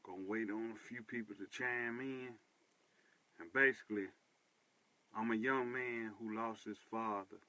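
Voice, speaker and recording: A man's voice: on the low side, pushed and bright, rough recording. A man in his thirties hosting a show, talking earnestly about his life in a personal monologue, repeating points for emphasis. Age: 30s. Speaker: host.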